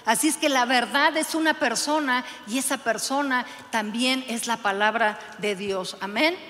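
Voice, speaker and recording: A woman's voice: fairly high pitch, moderate pace, sharp tone, big-room sound, slight background noise. A woman pastor preaching a sermon, fervently urging her congregation with direct questions.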